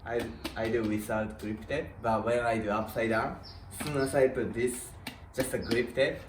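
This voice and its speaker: A man's voice: medium pitch, fairly even intonation, moderate pace. A man with a non-native English accent chatting casually as a guest rider, in short broken phrases with simple grammar. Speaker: guest freestyle motocross rider. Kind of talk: casual unscripted chat. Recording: distant echoey sound, clear noise, clicks.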